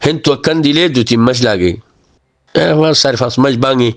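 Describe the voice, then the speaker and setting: A man's voice: medium pitch, brisk, creaky. Rohingya-accented man making an informal, exhorting address. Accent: Rohingya, close to Chittagonian. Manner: exhorting, with repeated rhetorical check questions. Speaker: speaker addressing his community.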